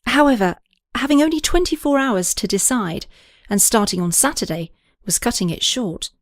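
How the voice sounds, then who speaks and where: A woman's voice: a little high, expressive, normal speed, no echo, clean studio sound. A woman reading an audiobook, narrating and voicing several characters with small shifts.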